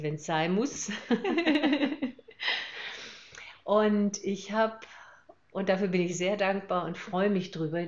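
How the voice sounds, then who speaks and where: An older woman raised in Hamburg with a northern German accent, a former teacher speaking thoughtfully as a podcast guest with many pauses and fillers. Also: on the low side, lo-fi sound. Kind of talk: podcast interview.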